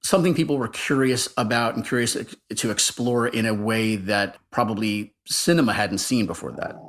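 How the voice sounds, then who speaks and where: A man's voice: on the low side, moderate pace. A man giving conversational analysis as an interview guest. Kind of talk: conversational film history analysis.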